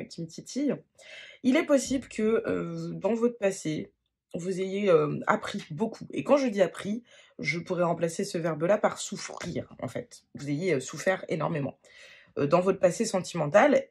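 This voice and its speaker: Speaking in a husky, slightly breathy mid-range voice, a tarot reader talks through a reading. The spontaneous monologue is gentle and halting, full of fillers and restarts.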